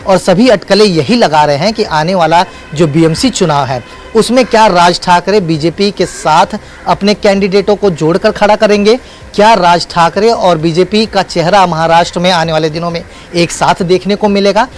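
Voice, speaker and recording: A man reports live as a news correspondent, speaking unscripted in emphatic, repetitive phrases broken up by hesitant fillers. His voice sits high and moves at a normal speed, with slight background noise.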